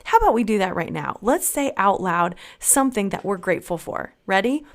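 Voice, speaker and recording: A woman with a drawl hosts a podcast for children. She speaks in a cheerful, unhurried way, at a middle pitch. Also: lively intonation. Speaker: podcast host. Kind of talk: kids podcast hosting.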